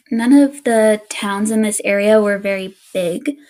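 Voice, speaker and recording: In a slow-paced, mid-range voice, a female podcast co-host chats casually through a spooky story. She stays relaxed and easygoing, laughing frequently and leaning on fillers.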